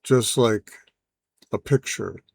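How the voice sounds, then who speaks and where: Calm, formal alien envoy, male, slow and dry, a man reading him in his own voice. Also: lowish voice, gravelly, husky, no echo, heavily acted. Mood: calm, solemn. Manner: measured, formal, unhurried speech.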